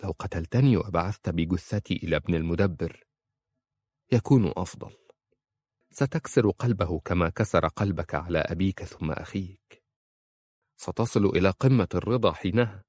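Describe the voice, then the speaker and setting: A man with a low voice reading an audiobook and voicing a distraught young woman who pleads through her tears. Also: normal speed, a little mellow, no echo. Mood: bitter. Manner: pleading, trembling. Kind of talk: audiobook character voice.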